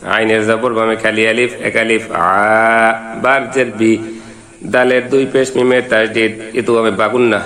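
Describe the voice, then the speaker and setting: Slow, echoey Quran teacher chanting syllables. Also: male voice, fairly low pitch, flat delivery, fairly bright tone. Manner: spells out letters and vowel marks slowly, then chants verses drawn out. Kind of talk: step-by-step recitation lesson.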